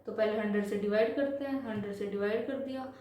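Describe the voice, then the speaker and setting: A woman teaching a basic math lesson, patient and repetitive, slowing down to spell out numbers one by one. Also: mid-range voice, fairly even intonation, warm tone. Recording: echoey room.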